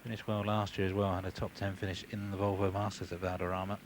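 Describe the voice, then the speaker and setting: Male golf commentator, lowish voice, measured and conversational live calls, clear background noise from the broadcast. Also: flat delivery.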